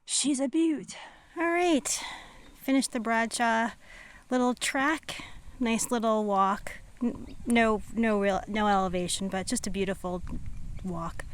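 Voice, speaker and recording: A middle-aged American woman from the United States vlogs about hiking, talking to camera in a casual, informal way and rambling a little. Her voice is fairly high and her pace slow.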